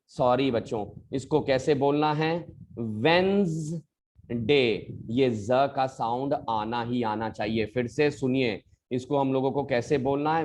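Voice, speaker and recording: Slow, patient male English teacher. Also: medium pitch, darkish tone. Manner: repeats words slowly to model pronunciation; addresses students as children, explaining patiently. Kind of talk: pronunciation lesson.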